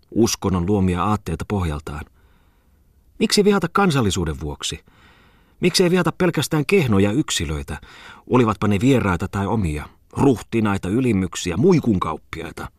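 A man's voice: lowish voice, big pitch swings, dry recording, clean studio sound, pitched above the performer's own voice. A man voicing a tipsy, emotional idealist who rants in a whining, pleading voice in an audiobook. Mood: ranting. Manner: whiny, pleading, rhetorical outbursts.

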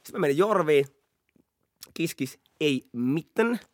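A man's voice: a little high, dry recording, studio quality. A young man telling a story on a podcast, laughing and acting out what people said. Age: young adult. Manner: animated, laughing, acts out quotes. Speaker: podcast host. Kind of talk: casual storytelling chat.

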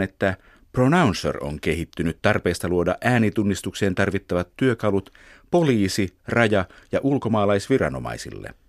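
A man hosting a radio program, narrating a scripted piece in a measured storytelling way and then interviewing a guest. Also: on the low side, no echo, studio quality. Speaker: radio host.

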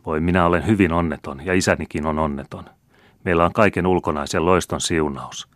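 A man's voice: low-pitched, fairly even intonation, dry recording, clean studio sound, natural voice. A man reading a dreamy, bitter seventeen-year-old count who speaks with passion in an audiobook. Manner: impassioned, bitter.

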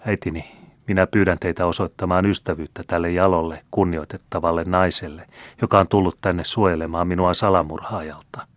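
A man's voice: sits low, steady tone, no room sound, natural voice. A man voicing an earnest, courteous young nobleman with a formal manner in an audiobook.

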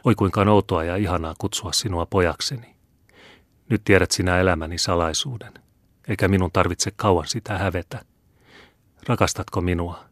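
A passionate dying mother, impassioned and pleading, read by a man in his own low voice. Dry, close audiobook sound. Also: fairly even intonation, dry recording. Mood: fading.

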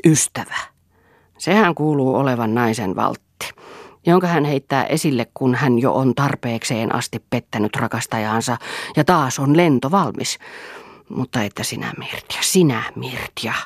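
A bitter young man cries out in wounded scorn, as a woman reading the story puts him on. His voice is husky and the sound is close and dry. It is an audiobook figure full of anguish. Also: very deep voice, no echo.

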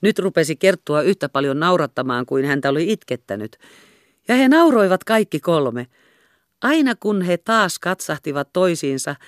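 A woman reading a classic novel aloud in steady, measured audiobook narration. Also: low-pitched, dry recording, clean studio sound. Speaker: audiobook reader. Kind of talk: scripted narration.

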